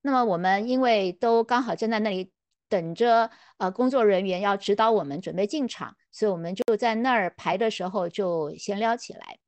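A woman's voice: mid-range voice, normal speed, darkish tone, no echo. Middle-aged woman scholar, conversational storytelling lecture, dry close-mic sound. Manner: reflective, conversational, acts out quoted dialogue. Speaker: literature scholar.

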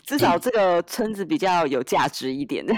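A woman's voice: lowish voice, animated, fairly quick, no echo. A woman co-hosting a casual podcast chat, asking questions and teasing with dry replies. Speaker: podcast co-host.

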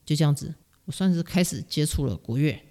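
A middle-aged woman from Taiwan with a Taiwanese Mandarin accent, a music teacher telling stories as a guest in a casual interview, animated and self-mocking, laughing often. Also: low voice, fairly quick.

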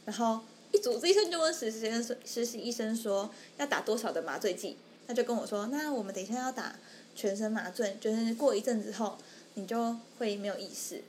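Brief young woman, lively podcast storyteller, slightly high voice, faint hiss behind. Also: brisk. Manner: animated, acts out the people she quotes. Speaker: podcast co-host. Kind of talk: casual storytelling chat.

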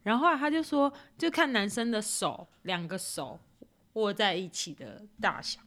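A woman's voice: medium pitch, animated, moderate pace, a bit bright. A young woman from Taiwan, co-hosting a podcast in giggly, teasing casual chat. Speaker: podcast co-host.

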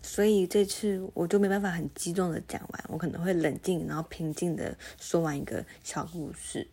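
A woman's voice: on the low side, brisk, slightly rough. A woman podcast host telling stories casually and alone, with slightly slurred articulation from a mouthguard, playfully mocking herself, acting out conversations and dropping in English words. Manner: self-mocking, animated re-enacting of conversations. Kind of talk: casual solo storytelling chat.

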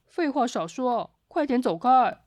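A woman voicing a rude, bad-tempered grown man who barks and shouts, in a children's storybook. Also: on the high side, unhurried, no room sound, natural voice. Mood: angry.

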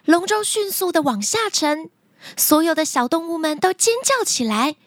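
A woman narrating a children's story in an expressive storytelling style. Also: very high voice, normal speed, no room sound, studio quality.

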